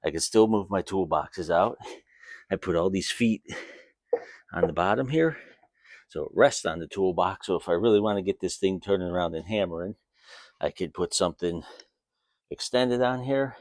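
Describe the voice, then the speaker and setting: A man's voice: deep voice, moderate pace, long pauses, a little mellow, dry recording, studio quality. A man giving a casual, plainspoken demonstration in a home garage workshop, talking informally while he works. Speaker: DIY video host.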